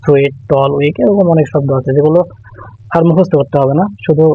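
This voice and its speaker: A man with a slightly high voice teaches grammar at a steady, patient pace, repeating each rule and pausing now and then to think. The sound is thin and phone-like, recorded close in a dry room with no echo. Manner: patient, repeats key rules, thinks aloud. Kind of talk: explanatory online lesson.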